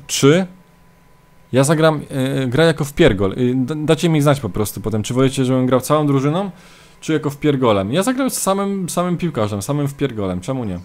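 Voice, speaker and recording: A man commentating his own football video game like a sports announcer, calm between plays and shouting wildly at goals. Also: mid-range voice, fairly quick. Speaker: gaming YouTuber. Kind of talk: let's-play commentary.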